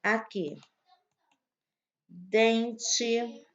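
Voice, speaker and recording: Patient woman teacher for small kids, a little high-pitched, dull lo-fi recording. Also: fairly even intonation. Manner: slow, patient, spells out words for young pupils. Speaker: primary school teacher. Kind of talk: online grammar lesson for children.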